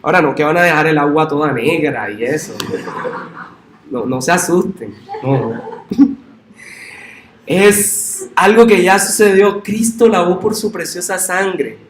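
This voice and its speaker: A male pastor preaching a sermon in a church, emphatic and swinging up into loud, high exclamations. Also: measured pace, pauses often, echoey room, slight background noise. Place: church sanctuary.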